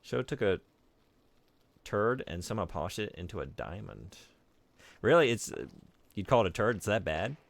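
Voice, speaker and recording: Game streamer, male, very low voice, lively and jokey delivery, faint music behind. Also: normal speed, gravelly, long pauses, no echo. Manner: joking, chatty, riffs with chat. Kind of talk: casual chat while playing.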